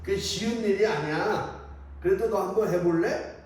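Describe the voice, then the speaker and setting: A patient, knowing storybook frog, as a preacher puts it on, speaking gently and a little lower. It echoes heavily through a church, picked up from afar. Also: male voice, normal speed, close to an everyday voice. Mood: advising. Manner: gently advising. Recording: echoey church from a distant mic.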